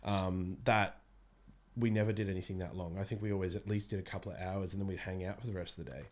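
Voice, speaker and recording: Here the voice actor, a man in his thirties, talks fast in a low, darkish voice with little pitch variation. As an interview guest he chats casually, rambling and stopping himself mid-thought. It's captured indoors in a small studio room through a close podcast microphone.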